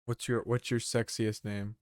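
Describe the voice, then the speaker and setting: Young guy cohosting a podcast, smooth clear voice, dry close sound, swears a lot, super laid-back. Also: fairly low pitch, level tone, a little slow, no echo. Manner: laid-back, swears freely, reads questions aloud. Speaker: podcast co-host. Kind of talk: casual chat.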